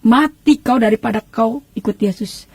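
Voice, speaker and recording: A woman's voice: on the high side, moderate pace, a little mellow, slightly rough, no room sound. A woman voicing a stern, devout older father who scolds and pleads with his daughter. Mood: angry.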